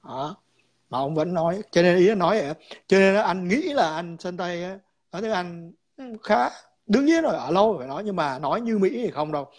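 A man's voice: sits high, animated, a little fast. A man calling in to a chat, explaining his views in a rambling way, repeating words and slipping in English terms.

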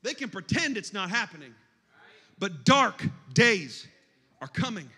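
A man preaching a sermon in a church, moving between hushed scripture reading and shouted exhortation. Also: high-pitched, very animated, measured pace, breathy edge.

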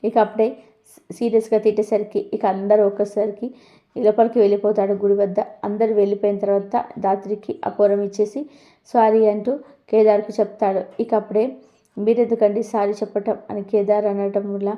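Woman, storyteller, serial recap, quotes characters in her own voice, monotone, muffled recording. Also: medium pitch, brisk. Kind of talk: retelling a TV serial with quoted dialogue.

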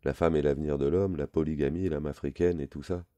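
A sly, shady lawyer who talks in a brash, teasing way, as a male reader puts him on. The voice stays very deep and dark, and the sound is close and dry. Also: fairly even intonation, fairly quick, no echo.

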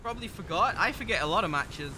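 High-voiced, foul-mouthed male game streamer. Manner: profane, excitable, quick to rant. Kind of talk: live gameplay commentary with chat. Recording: game gunfire clearly heard behind the voice.

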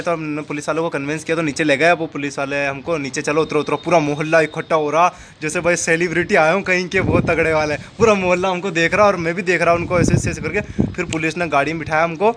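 A young man with a Rajasthani Hindi accent tells a story from his own life in a loose, chatty way. His voice sits a little high and he talks fast, with faint room sound in the background. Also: background noise. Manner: chatty, repeats phrases, acts out quoted people. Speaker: storyteller vlogger. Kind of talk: casual spoken storytelling.

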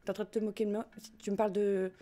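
A French woman streams a game over its music, her medium-pitched, dark voice very fast and flat in delivery. Still, she's chatty and giggly with viewers, speaking to chat and swearing casually.

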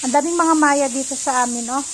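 High-voiced woman vlogging at home. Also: brisk, fairly bright tone, poor audio. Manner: chatty, mixing Tagalog and English. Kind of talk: casual home vlog narration. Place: home garden and terrace outdoors. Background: faint outdoor ambience and tractor noise.

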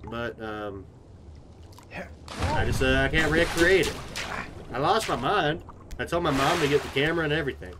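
A man's voice: on the high side, moderate pace, long pauses. Man streaming in a put-on Southern drawl. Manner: rambling, thinking aloud, frustrated. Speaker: gaming streamer. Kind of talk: live gameplay commentary. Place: at home. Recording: noticeable background noise.

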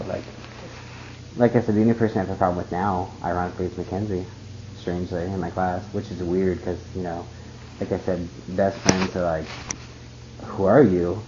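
A man's voice: deep voice, mellow. A man in casual chat who rambles and says "like" constantly. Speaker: cooking student. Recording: dull lo-fi sound with faint noise.

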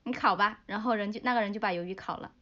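A young woman in her twenties chatting playfully with fans on a livestream, giggling as she tells a joke haltingly. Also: mid-range voice, sharp tone. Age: 20s. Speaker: livestream host. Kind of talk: casual livestream chat with fans. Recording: dull lo-fi livestream audio.

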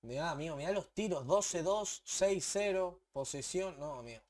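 A young adult man with an Argentine accent, reacting live to a football match for his channel in excitable, slangy bursts. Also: fairly high pitch, normal speed. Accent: Argentine Spanish. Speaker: reaction video host.

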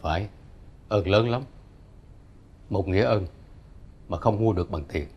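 A man's voice: fairly low pitch, measured pace, muffled recording. An actor playing a solemn, forgiving middle-aged father with a southern Vietnamese accent in a television drama.

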